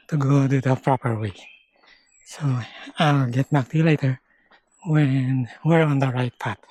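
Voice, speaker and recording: A man from the Philippines vlogging a forest hike, explaining things slowly in short halting phrases, sometimes out of breath. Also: medium pitch, a little mellow. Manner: slow, halting, explains step by step. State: out of breath at times. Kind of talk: casual hiking vlog. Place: outdoors on a forest trail.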